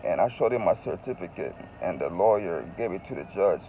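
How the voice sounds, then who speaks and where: A man's voice: sits low, expressive, a little fast, phone-quality sound, slight background noise. A man telling a personal story in a casual, confessional vlog, earnest and emotional, often repeating phrases for emphasis. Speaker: vlogger.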